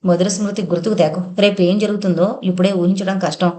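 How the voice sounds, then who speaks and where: A woman's voice: medium pitch, steady tone, fast, warm tone, lightly acted. A woman voicing a curt, irritable young husband on a pilgrimage in an audio novel, answering in short, snappish lines.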